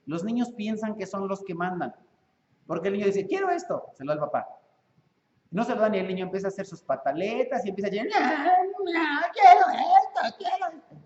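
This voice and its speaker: A man with a Mexican accent preaching a sermon as pastor, animated and acting out parents and children. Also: sits high. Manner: animated, acts out parents and children in quick voices. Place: church. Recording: echoey lo-fi church hall recording.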